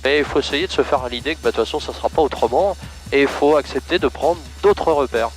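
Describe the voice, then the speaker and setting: A man coaching a student pilot in a small plane's cockpit over a headset intercom, calm, encouraging and casual. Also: mid-range voice, quick pace, faint music behind, rough recording. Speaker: flight instructor. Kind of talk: in-flight coaching.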